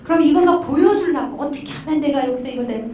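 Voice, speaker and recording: A middle-aged woman counselor speaks to a conference crowd, with a high, bright voice. She tells animated stories and acts out the quotes. The sound is an echoey hall, heard from a distance. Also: fast, a little hiss or hum. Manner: animated storytelling with acted quotes. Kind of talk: conference talk.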